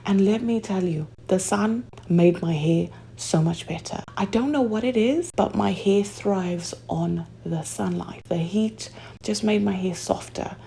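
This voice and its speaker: A young adult woman from Zimbabwe chatting through a hair product review, reading the label claims aloud and slipping into soft asides. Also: medium pitch, unhurried, creaky, a little hiss or hum. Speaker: hair care vlogger.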